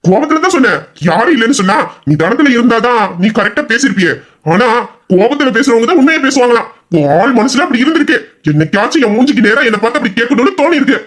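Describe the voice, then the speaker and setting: A man playing a hot-tempered sarcastic husband, fast and high. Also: lively intonation, a bit bright, full character voice. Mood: sarcastic, angry. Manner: mocking, bitter. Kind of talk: Tamil audio drama acting.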